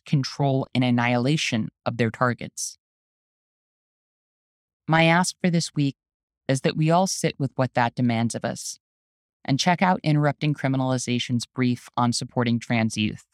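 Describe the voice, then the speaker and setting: An activist and journalist hosting the show, reading a scripted spoken essay in an earnest, urgent, deliberate way. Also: medium pitch, dry recording, clean studio sound.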